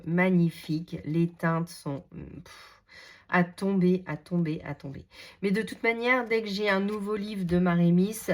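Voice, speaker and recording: Slow, low-voiced woman showing craft books. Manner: hesitant, many fillers, enthusiastic repetitions. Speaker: craft channel host. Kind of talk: casual product show-and-tell.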